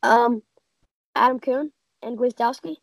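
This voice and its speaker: Co-host: woman with a gravelly, fry-laced voice, dry close sound, sure of her takes. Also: a little high, fairly even intonation, unhurried, no echo, low-quality recording. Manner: confident, opinionated predictions. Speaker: podcast co-host. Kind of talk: casual sports chat.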